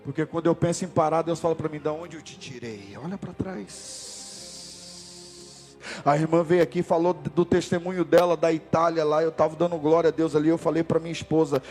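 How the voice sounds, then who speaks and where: A man in his forties from Brazil, a pastor preaching a sermon and telling his own story, swelling louder and higher at the climaxes. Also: level tone, fast talker, hardly any pauses, soft background music. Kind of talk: sermon with personal testimony.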